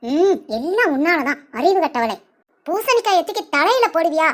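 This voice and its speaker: A woman voicing a sharp-tongued village woman in a cartoon, scolding and name-calling. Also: very high voice, very animated, normal speed. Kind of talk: cartoon voice acting.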